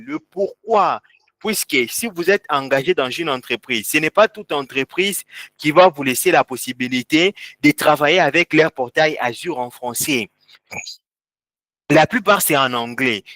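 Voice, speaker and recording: A man's voice: fairly high pitch, bright, forceful tone, dry recording. Man walking students through screen steps. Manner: repetitive, step-by-step pointing at screen. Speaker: instructor. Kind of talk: live online tech class walkthrough.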